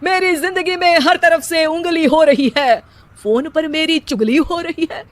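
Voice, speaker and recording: A cocky, idle young husband acted by a woman in a moral-story cartoon. The voice is high and theatrical, declaiming silly rhyming verse as if owed applause. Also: unhurried, dry recording. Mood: self-pitying, boastful. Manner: theatrical, declaiming in rhymed couplets.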